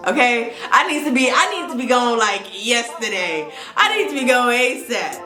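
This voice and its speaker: A young woman, telling a storytime to her viewers in a lively, profane, chatty way. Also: a little high, moderate pace. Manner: animated, profane, talks straight to viewers. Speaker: vlogger. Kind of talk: casual storytime. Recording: echoey room with music behind.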